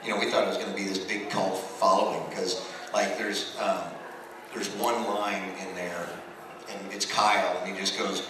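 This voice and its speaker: This American man, a voice actor on a convention panel, speaks low and at a moderate pace, sharing casual stories and performing snippets of dialogue with animation. The sound is noisy, distant, and full of hall echo.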